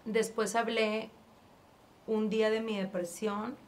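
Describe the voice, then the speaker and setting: A woman from northern Mexico with a northern Mexican accent, telling her story as an interview guest in a casual, animated way, acting out past conversations and often restarting her sentences. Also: on the high side, takes it slowly. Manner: animated, acts out past dialogue, frequent restarts.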